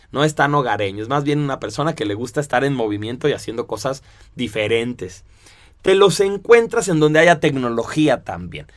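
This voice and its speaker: A man with a Mexican accent explaining personality types in a relaxed, conversational monologue, often adding rhetorical tag questions. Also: fairly high pitch.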